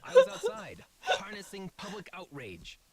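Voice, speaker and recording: A man's voice: sits high, huge pitch swings, normal speed. An actor playing a laid-back, defiant young male activist in a mystery game, with glib, slangy, theatrical delivery. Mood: defiant, ranting. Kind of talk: video game voice acting.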